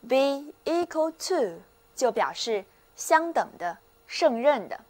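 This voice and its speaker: A woman with a fairly high voice hosts a scripted vocabulary lesson at an unhurried pace. She spells each word out letter by letter and says every example sentence twice. Her tone is friendly and encouraging. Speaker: language teacher, show host.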